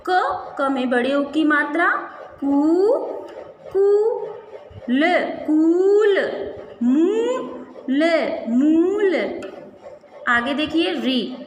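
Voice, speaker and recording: A woman teaching a primary school Hindi class, sounding out words slowly syllable by syllable and asking and answering her own questions. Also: sits high, expressive. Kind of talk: classroom lesson, slow syllable-by-syllable drilling. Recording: echoey room with faint ambient noise.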